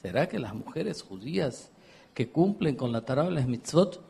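A man who is a rabbi, giving an animated storytelling lecture. He acts out the dialogue of his anecdotes and puts questions straight to his listeners. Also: mid-range voice, normal speed, gravelly, husky. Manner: questions the audience directly.

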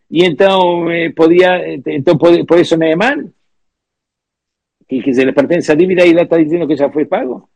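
A man teaching a religious text lesson, reading out source phrases and explaining them with halting restarts. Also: on the high side, no room sound.

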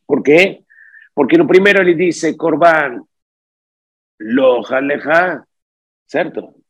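A man's voice: fairly high pitch, takes it slowly, a bit bright, husky. A man teaching a study lesson. He reads phrases aloud, then explains them, and slips Portuguese words into his talk. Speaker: Talmud teacher.

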